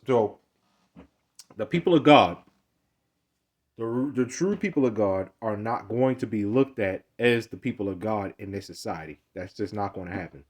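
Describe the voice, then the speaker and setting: A man's voice: lowish voice, a little mellow. Rambling young man in his twenties. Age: 20s. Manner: rambling, stammers and repeats words, street slang. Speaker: online commentator. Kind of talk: casual monologue on scripture.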